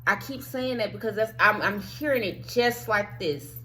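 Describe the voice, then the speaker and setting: A woman's voice: medium pitch, normal speed, sharp tone. A woman giving a heartfelt, encouraging motivational monologue as a spiritual life coach, talking straight to her listeners and sometimes dropping to a near whisper. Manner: earnest, encouraging, addresses listeners directly.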